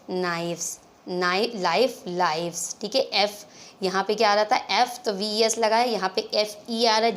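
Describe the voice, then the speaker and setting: A young woman teaching an English grammar lesson in Hindi-Urdu. She is patient, repeats examples and keeps asking if it is clear. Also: medium pitch, slight background noise. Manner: patient, keeps checking in with "clear?" and "theek hai".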